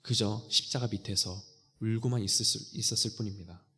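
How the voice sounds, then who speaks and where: A man preaching a sermon earnestly, often dropping to a hushed, near-whispered voice when quoting. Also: lowish voice, steady tone, a little fast, husky. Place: church sanctuary. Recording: church hall reverb.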